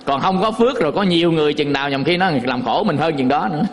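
A man's voice: a little high, fast talker. A man, a Buddhist monk, giving a folksy dharma talk full of rhetorical questions to his listeners. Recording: long hall reverb.

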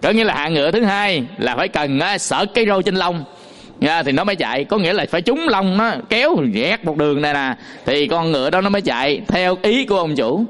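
A man with a Southern Vietnamese accent, a Buddhist monk giving a sermon and telling parables in a lively, storytelling way. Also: on the high side, a little fast. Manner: lively storytelling, acting out examples with laughs.

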